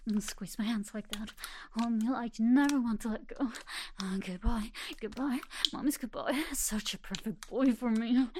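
A woman performing an intimate audio roleplay, talking in a soft, doting way and often dropping into a whisper. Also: fairly high pitch, moderate pace, a little hiss or hum.

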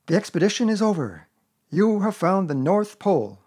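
A man's voice: high voice, lively intonation, normal speed, darkish tone, husky, voice pushed up. A man voicing an earnest, kindly young boy with a light manner in a storybook reading.

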